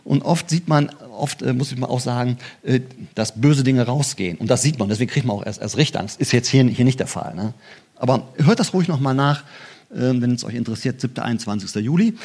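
A man's voice: fairly quick, husky. A man preaching a conversational sermon, often checking in with his listeners and restarting his sentences. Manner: conversational, frequent "ne?" asides and restarts; lively, pitch jumps when stressing points. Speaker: pastor.

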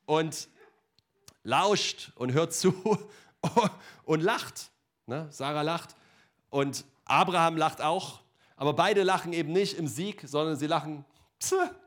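Lively joking German-speaking preacher, man. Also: on the high side, slow pace, pauses often. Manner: conversational, jokey, laughs often, many fillers like ne and äh; swings between quiet asides and loud exclamations. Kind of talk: lively sermon to a congregation.

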